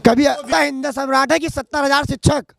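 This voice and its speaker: A man's voice: extremely high pitch, fairly even intonation, brisk, vocal fry, a bit bright, dry recording, studio quality. A man, speaking in a heated street interview in a fiery, accusing, oratorical way. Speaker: local resident interviewed.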